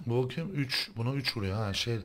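Young man, Turkish accent, excitable, repeats words in loud bursts, casual game commentary. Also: medium pitch, brisk. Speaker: gaming channel host.

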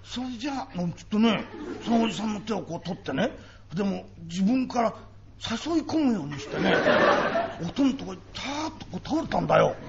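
A sly young boy coaxes and teases, stretching every word of his story, as a man puts him on. The voice sits high with a gravelly edge. It comes from a muffled live recording with an audience laughing. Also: expressive, a loud crowd. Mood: teasing. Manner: coaxing, teasing, drawn-out storytelling. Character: sly cheeky young boy wheedling coins. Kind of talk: traditional comic storytelling performance.

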